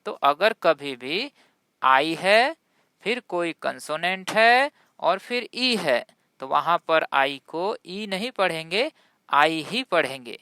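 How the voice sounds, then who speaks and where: A woman's voice: lowish voice, lively intonation, slow, pushed and bright, no room sound, clean studio sound. A woman with Hindi as her first language teaching English pronunciation, spelling words out letter by letter and quizzing her viewers as she goes. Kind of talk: classroom-style spoken lesson.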